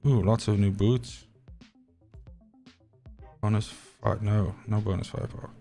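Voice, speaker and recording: His voice is fairly low and warm, delivered flatly at a measured pace over soft background music. The speaker is an Afrikaans-speaking South African man who streams a game and talks to his chat, rambling on and swearing liberally.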